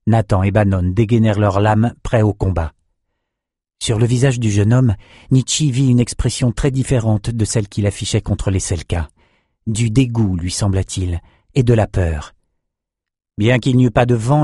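A man narrating a fantasy story in an even, measured way. His voice sits low, and the recording is dry and close. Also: slightly rough, no room sound. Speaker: audiobook narrator.

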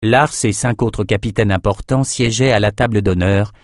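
A man narrating an audiobook in a measured, dramatic reading style. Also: on the low side, no room sound, studio quality. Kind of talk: scripted narration.

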